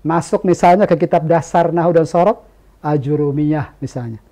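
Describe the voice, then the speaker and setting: Man, Indonesian, high-pitched voice, religious teacher, lecture, emphatic rhetorical questions. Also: moderate pace. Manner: quizzes listeners with rhetorical questions; emphatic and animated. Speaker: Islamic teacher.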